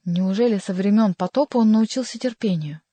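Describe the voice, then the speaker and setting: A woman's voice: medium pitch, brisk, dark tone, no echo, natural voice. A woman doing a mocking sly court jester. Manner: teasing, ironic.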